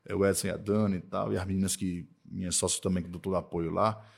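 A man from Northeast Brazil who runs an accounting firm, talking in a casual podcast conversation, emphatic and repetitive, tagging his points with quick checks for agreement. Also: deep voice, steady tone, creaky. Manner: emphatic, repeats himself, tag questions "tá?" and "né?".

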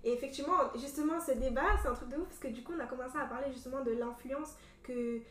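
A young woman from Cameroon telling a story in casual chat, animated and full of fillers. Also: high voice, fast. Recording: echoey room from a distance.

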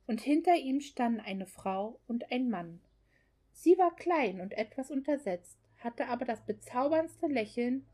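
A woman narrating a German novel as a scripted audiobook in an expressive storytelling manner. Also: a little high.

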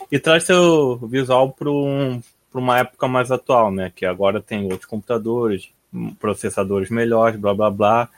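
Young Brazilian male podcaster, Brazilian Portuguese accent, middle pitch, laid-back storyteller, dry close sound. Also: no room sound. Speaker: podcast co-host. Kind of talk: casual gaming podcast chat.

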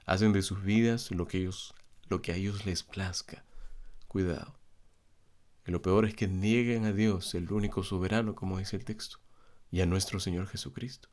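A man teaching a Bible study in an earnest, measured way and speaking directly to his listeners. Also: fairly low pitch.

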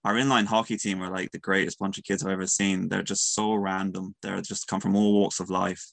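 Low, creaky west of Ireland man. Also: flat delivery, fairly bright tone, no room sound. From County Mayo, Ireland. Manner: earnest, halting, repeats words. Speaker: youth sports coach and player. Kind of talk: casual radio interview answers.

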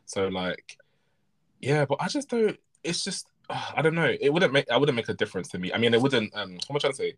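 A man's voice: mid-range voice, very animated, brisk. A man co-hosting a podcast in casual chat, rambling and correcting himself with frequent chuckles. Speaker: podcast co-host.

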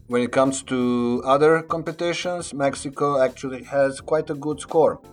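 A man's voice: medium pitch, steady tone, normal speed, faint music behind. A man giving an informal prepared talk to listeners as a guest contributor.

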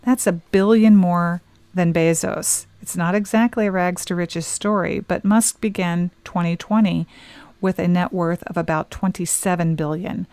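Woman cohost reading celeb news, casual, smooth voice, dry mic. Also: on the low side, steady tone, normal speed, darkish tone, no room sound. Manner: reads news items aloud, chatty asides. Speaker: podcast co-host.

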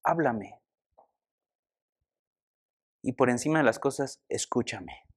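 A man's voice: mid-range voice, slow, husky. A young man, preaching a conversational sermon and asking the congregation questions. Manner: animated, conversational, asks the audience questions.

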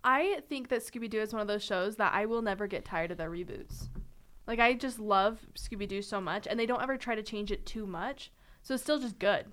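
A young woman co-hosting a casual podcast chat, telling stories in an animated way with frequent laughter. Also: medium pitch, fairly quick. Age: young adult. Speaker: podcast co-host.

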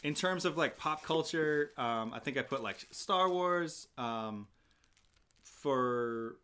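A young man chatting casually as a podcast co-host. He rambles and restarts his sentences, with frequent fillers and laughs. His pitch is ordinary for a man. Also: expressive, takes it slowly, pushed and bright, clear, resonant tone. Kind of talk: casual chat.

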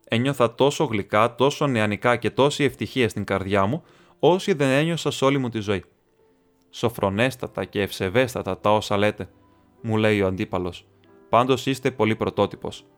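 A man reading a classic novel aloud as an audiobook, in measured storytelling that lifts slightly for quoted speech. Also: on the low side, soft background music. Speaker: audiobook reader.

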